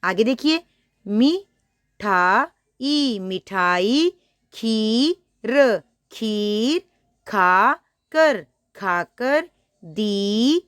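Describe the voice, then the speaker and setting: Woman teacher reading words slowly aloud. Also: medium pitch, expressive, fairly bright tone, smooth, dry recording, clean studio sound. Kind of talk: primary school reading lesson.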